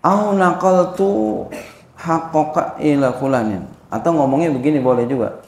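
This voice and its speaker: A man teaching an informal religious lesson, slowly explaining a classical text, checking understanding and chanting Arabic phrases. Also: mellow, a little hiss or hum. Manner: slow and repetitive, frequent "ya" and "paham?" checks, chants Arabic phrases higher. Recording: echoey room.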